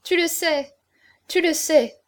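A woman's voice: very high voice, steady tone, slow, pitched above the performer's own voice. A woman reading aloud, voicing an anguished, proud young woman with an intense manner in an audiobook. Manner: intense, pleading then haughty.

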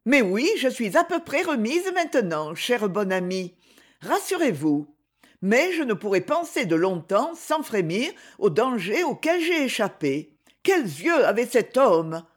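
A reader voicing Magali, a gentle young woman still shaken, with a raised, soft and earnest voice in a storybook reading. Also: medium pitch, big pitch swings, unhurried, pitched above the performer's own voice. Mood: wistful.

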